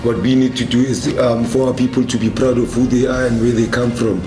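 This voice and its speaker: A man's voice: mid-range voice, fairly even intonation, brisk. A South African man who founded a clothing brand, talking casually and loosely in a documentary interview. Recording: echoey room with noise.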